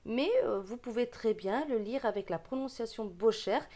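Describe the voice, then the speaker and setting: A woman's voice: on the high side, moderate pace, warm tone. A woman with a regional French accent teaching beginners to read, sounding out syllables and repeating each word patiently. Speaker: reading teacher. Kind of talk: slow reading lesson for beginners.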